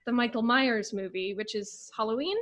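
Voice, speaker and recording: A young adult woman co-hosting a podcast in casual chat, chatty and quick to laugh. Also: fairly high pitch, fairly bright tone. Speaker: podcast co-host.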